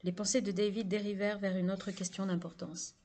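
A woman reads a novel aloud in an even, measured way, her voice sitting at an ordinary middle pitch. The telling is plain and unhurried, with an occasional small restart. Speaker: audiobook narrator. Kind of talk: scripted novel narration.

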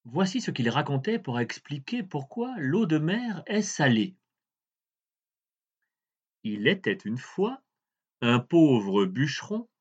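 A man reading a fairy tale aloud in an expressive way, drawing out words for emphasis. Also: fairly high pitch, slow, long pauses, breathy edge. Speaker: storyteller. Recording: dull lo-fi recording.

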